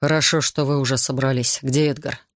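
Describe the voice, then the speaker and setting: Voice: medium pitch, flat delivery, dry recording, clean studio sound, pitched below the performer's own voice, lightly acted. A reader doing a bitter, controlling husband. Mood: curt, urgent. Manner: hurried, cold, then shouting.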